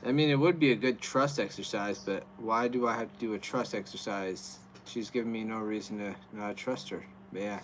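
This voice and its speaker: A man from the USA with a lowish voice hosts a livestream, answering viewer comments at a moderate pace with hardly any pauses. His delivery rambles casually, full of fillers and restarts, over slight background noise.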